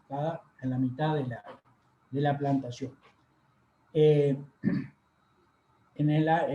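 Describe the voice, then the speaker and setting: A man's voice: on the high side, dark tone, slight background noise. Male lecturer, echoey lo-fi audio. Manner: unhurried, many fillers and pauses. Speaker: university lecturer. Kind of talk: online lecture over slides. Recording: echoey room, dull lo-fi sound.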